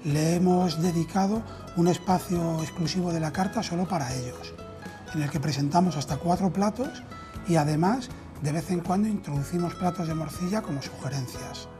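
There's music in the background as a man in his thirties, a restaurant owner from Spain with a Castilian accent, chats through an interview indoors in an empty dining room. He talks at a moderate pace in a slightly high voice, captured by a lapel mic.

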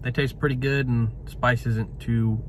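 Clear vehicle noise sits behind a man in his thirties, recorded inside a car. He talks casually to the camera as a food reviewer, at a middling male pitch. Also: steady tone, measured pace.

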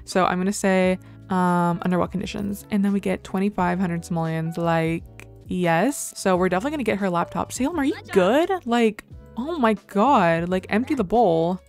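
A young adult woman hosting casual game commentary, chatty and excitable, filling nearly every phrase with "like". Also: lowish voice, normal speed, faint music behind. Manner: chatty, says "like" constantly, excitable exclamations. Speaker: gameplay host.

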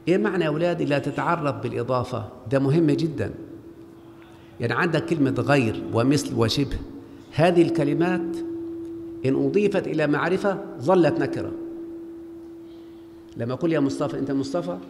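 A man with an Egyptian accent teaches Arabic grammar in a large mosque, quizzing his students in call-and-response fashion. His voice is slightly high and creaky, he talks a bit fast, and he pauses often. The recording carries a long hall reverb and faint background noise.

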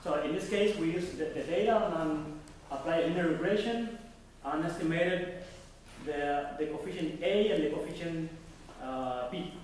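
At a conference, a young man gives an academic presentation, pausing and starting over as he hunts for words. His voice is slightly high for a man and a bit mellow. He's captured from afar in a very echoey hall over a faint hiss.

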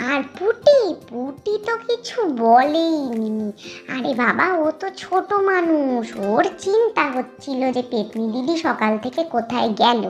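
A woman's voice: sits high, dull audio. A woman voicing a placating young royal. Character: gentle young man of the royal house.

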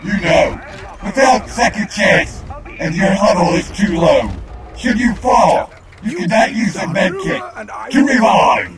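A man voicing an evil male AI overlord who shouts slow, cruel threats. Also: high-pitched, animated, a loud crowd, pitched above the performer's own voice. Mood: scornful. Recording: distant voice over loud game noise.

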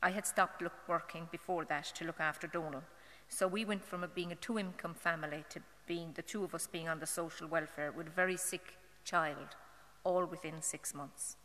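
A middle-aged Irish woman giving a personal testimony as a mother at a parish novena, earnest and halting, with fillers and restarts. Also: deep voice, steady tone, fairly bright tone. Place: church. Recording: long church hall reverb.

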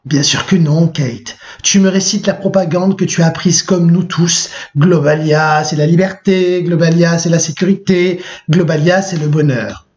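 A man's voice: fairly high pitch, steady tone, normal speed, hardly any pauses, darkish tone, close to an everyday voice. A man reading aloud the lines of a restless, despairing young man from a novel. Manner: earnest, read aloud from a book. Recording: muffled lo-fi recording.

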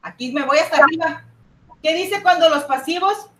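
High bright-voiced lady teaching an accounting class, keeps asking if everyone's following. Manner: asks students frequent check-in questions; repeats key points slowly. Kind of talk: online class lecture.

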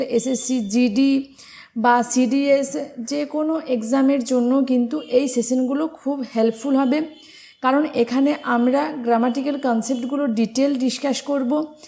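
A woman's voice: sits high, gravelly, mellow. A young woman with a Bengali accent, teaching an exam-prep English grammar lesson and explaining each step with questions to her students.

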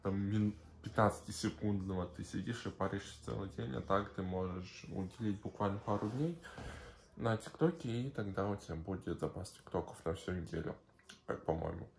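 A man's voice: low-pitched, normal speed, vocal fry. A young man chatting casually and slangily in a rambling video diary. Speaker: vlogger. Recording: faint background noise with clicks.

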